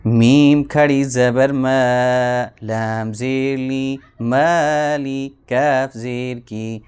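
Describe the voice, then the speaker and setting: Man teaching Quran letters, smooth voice. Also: mid-range voice, level tone, a little mellow. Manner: fast explanations, then slow drawn-out syllables. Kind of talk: Quran reading lesson, spelling out letters.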